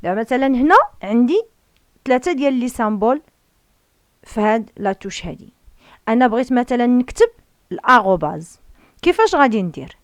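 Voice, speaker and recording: Moroccan woman teaching computer stuff, voice goes up and down a lot, reads slow then explains fast, dry close sound. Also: a little high, big pitch swings, no room sound. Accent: Moroccan Arabic. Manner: slow deliberate reading, then quick chatty explaining. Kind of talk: screen-share tutorial, reading French lines then explaining.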